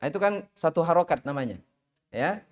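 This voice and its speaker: A man teaching tajwid in a live online class, drilling Arabic syllables slowly and calling on students to recite. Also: fairly high pitch, lively intonation. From Indonesia.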